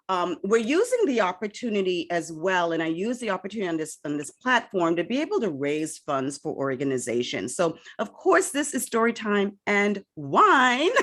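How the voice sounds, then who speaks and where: A woman's voice: mid-range voice, fairly bright tone. A woman hosting a casual interview podcast, chatty and laughing easily, often adding "right?" to her points. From lived in Miami. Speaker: podcast host.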